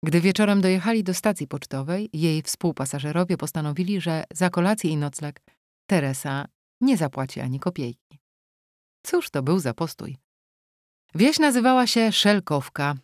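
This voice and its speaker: A woman reads a novel aloud with a low, steady voice and a measured storytelling pace. The sound is close-miked and dry, with no room echo. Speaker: audiobook narrator. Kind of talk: scripted narration.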